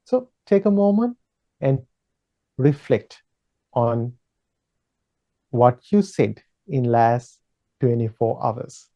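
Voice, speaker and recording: A man who is a Buddhist monk, teaching a slow, measured dharma talk in a gentle, repetitive way with pauses and fillers. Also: medium pitch, sing-song, highs cut off.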